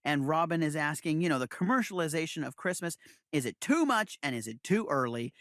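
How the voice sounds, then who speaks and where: Co-host, man, animated delivery, dry sound, chatty and rambling. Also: a little high, a little fast, dry recording. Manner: rambling, chuckling, frequent restarts. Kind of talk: casual podcast chat.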